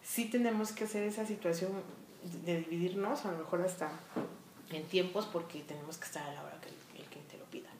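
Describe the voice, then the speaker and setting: A woman with a Mexico City accent talks through her work in a relaxed interview, lively and quick to fall back on fillers. Her voice sits a little low for a woman. The small room rings with a roomy echo. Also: background noise. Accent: Mexico City Spanish. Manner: lively storytelling with frequent fillers. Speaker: funeral director and embalmer. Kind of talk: casual interview.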